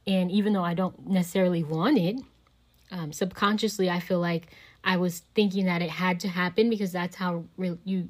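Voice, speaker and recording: A woman's voice: on the low side, a little mellow. A woman in casual conversation, talking in a reflective way and filling her speech with "you know" and "like".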